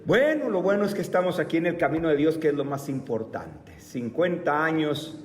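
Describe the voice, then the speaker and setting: A man in his fifties teaching a church Bible class, speaking deliberately and asking the class rhetorical questions. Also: a little high, sing-song, a little hiss or hum. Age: 50s. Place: church meeting room. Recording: echoey hall, mic far off.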